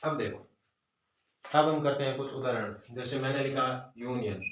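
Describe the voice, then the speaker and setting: Echoey far-off Hindi-accented teacher. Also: male voice, mid-range voice, normal speed, fairly bright tone, a little hiss or hum. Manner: repeats questions and answers them himself. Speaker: grammar teacher. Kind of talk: classroom lesson. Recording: roomy echo, voice from far off.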